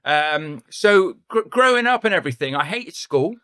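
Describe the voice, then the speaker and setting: A man's voice: on the high side, lively intonation, moderate pace, bright, forceful tone, clean tone, no echo, studio quality. A middle-aged man with a West Country English accent, a podcast guest telling his life story in a rambling, self-correcting way. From England. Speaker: podcast guest, property investor. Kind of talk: casual storytelling interview.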